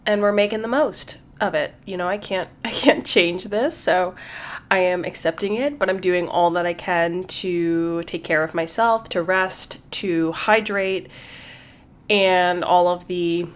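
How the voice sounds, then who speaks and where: A woman's voice: lowish voice, steady tone, unhurried. A woman hosting her own podcast in casual solo talk, a little congested, chatty and repeating words as she thinks. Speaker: podcast host.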